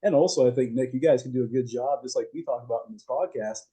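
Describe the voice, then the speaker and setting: Man in his forties, podcast host, husky and mellow, friendly and jokey. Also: mid-range voice, fast, low-quality recording. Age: 40s. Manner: friendly, jokey, laughs easily. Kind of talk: casual podcast chat.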